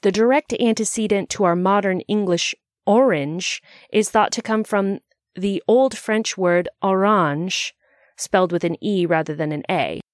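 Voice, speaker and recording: A woman's voice: mid-range voice, measured pace, dry recording, studio quality. A woman narrating a scripted explainer in a bookish, conversational way, with wry asides.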